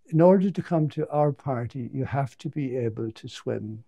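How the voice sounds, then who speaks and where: A man's voice: mid-range voice, expressive, normal speed, vocal fry, mellow. A man voicing a prim, fussy male beaver who politely turns down a request. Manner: prim and dismissive.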